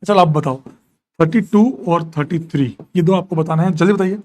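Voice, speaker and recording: A man's voice: fairly high pitch, a little fast, a little mellow. A man teaching a live chemistry class, mixing English into his talk, counting atom numbers aloud and teasing and scolding students while he reads out and answers their questions. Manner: Hindi-English mix, scolds students jokingly.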